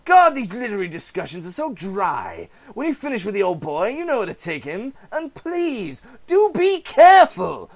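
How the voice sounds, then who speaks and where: A man's voice: high-pitched, wildly swooping pitch, normal speed, few pauses, pitched above the performer's own voice, full character voice. A man voicing a cruelly jovial, theatrical clown supervillain in a mocking, showy way for a comic-book reading. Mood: gleeful, mocking. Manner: mocking, showy, mock-polite.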